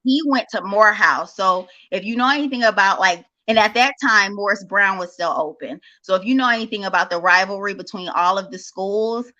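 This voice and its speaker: A woman's voice: medium pitch, brisk, hardly any pauses, sharp tone. A woman with a cartoon-like voice, chatting casually and animatedly as a call-in guest telling personal stories. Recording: slightly dull, lo-fi call audio.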